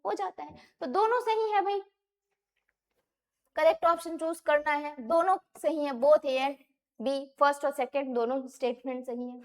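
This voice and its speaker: A woman teacher giving an exam-prep lecture, reading English questions slowly and explaining them, often asking and answering her own questions. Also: high voice.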